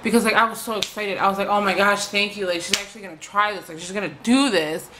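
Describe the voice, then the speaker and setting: A woman's voice: mid-range voice, steady tone, fast talker, background noise. A woman vlogger ranting casually to camera, frustrated, swearing freely and filling her talk with "like".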